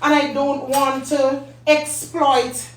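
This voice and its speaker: A woman's voice: high voice, flat delivery, takes it slowly. A woman hosting a live stream and giving away a prize, teasing her viewers and laughing often. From Jamaica. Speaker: host and company CEO. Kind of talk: casual live-stream giveaway. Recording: echoey room, mic at a distance.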